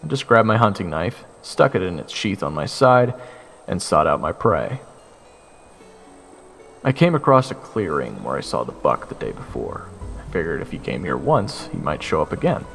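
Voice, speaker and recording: Speaking at a moderate pace, a young narrator and lead voice actor delivers a first-person audio drama with sardonic, expressive flair. The voice is gravelly, below average in pitch, with lively pitch movement. Gentle music plays underneath, and the recording has a big-room sound.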